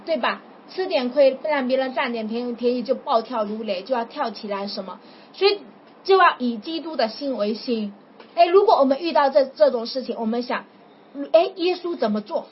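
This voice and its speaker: A woman preaching informally to a small group, telling a story in a chatty, animated way. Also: high-pitched. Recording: dull lo-fi with faint noise.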